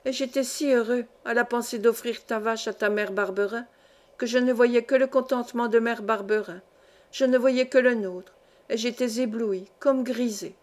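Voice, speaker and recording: Woman reading a tearful boy, self-reproaching, frightened, storybook dialogue, slightly high voice. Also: steady tone, moderate pace, darkish tone, close to an everyday voice. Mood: tearful, despairing.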